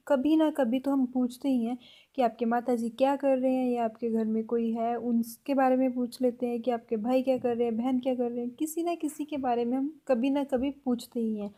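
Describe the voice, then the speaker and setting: A woman's voice: a little high, fairly even intonation, moderate pace, dark tone. A woman teaching everyday phrases in a spoken language lesson, carefully repeating each example sentence.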